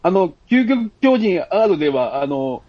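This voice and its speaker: A man's voice: sits high, sing-song, slow, slightly rough, dry recording, dull audio. A man chatting as a podcast guest, explaining casually and searching for his words.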